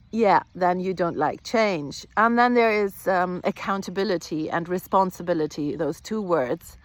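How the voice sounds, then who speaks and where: A woman healer giving an earnest, reflective spiritual talk, repeating phrases and pausing softly. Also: medium pitch. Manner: slow, earnest, with soft pauses and repetitions.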